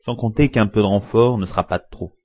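A man voicing a middle-aged village blacksmith who talks briskly and impatiently. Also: fairly low pitch, warm tone, natural voice. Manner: brisk, exclaiming. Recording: muffled lo-fi recording.

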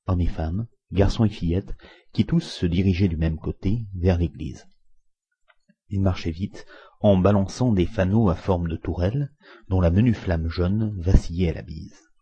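A man narrating a story aloud in a measured, expressive reading. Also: low voice, breathy edge. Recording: muffled lo-fi recording.

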